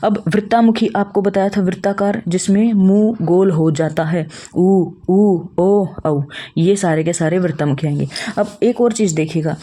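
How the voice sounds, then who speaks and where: Low, mellow-voiced woman teaching a class. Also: moderate pace, few pauses. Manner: explains step by step, asks and answers own questions; addresses students as children. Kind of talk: online classroom lesson.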